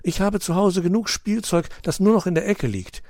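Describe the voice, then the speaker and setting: A man reading aloud and voicing an eager young male dog with an excited, persuasive manner. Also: high-pitched, moderate pace, dry recording, studio quality, pitched above the performer's own voice.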